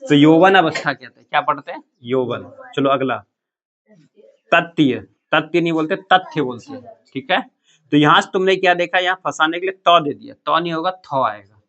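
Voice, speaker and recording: A man's voice: a little high, moderate pace, fairly bright tone. Questioning male teacher, muffled sound. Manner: asks questions and repeats answers. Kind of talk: classroom lesson. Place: classroom. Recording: muffled lo-fi classroom recording.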